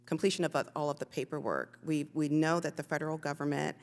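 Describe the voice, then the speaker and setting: A woman's voice: low-pitched, fairly even intonation, quick pace, in a large hall. A woman witness testifying at a hearing, hesitant and searching for her words.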